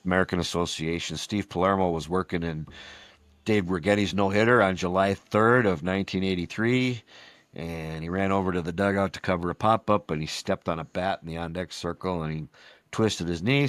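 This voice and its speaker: A retired baseball umpire in his sixties, appearing as a guest on a casual podcast, spins long, rambling anecdotes and acts out what other people said. His voice is low and the recording has no echo.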